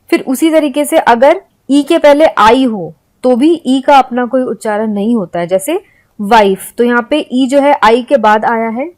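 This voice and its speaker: A woman gives a spoken-English lesson. Her voice sits somewhat high, and she spells out letters one by one before saying each example word with slow, careful emphasis. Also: a little mellow. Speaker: English teacher.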